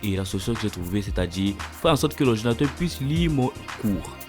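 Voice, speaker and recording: Low-voiced young man explaining code. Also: a little fast, music in the background. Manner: relaxed and slangy, talks through steps aloud and corrects himself. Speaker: coding tutorial host. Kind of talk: casual screen-recorded coding tutorial.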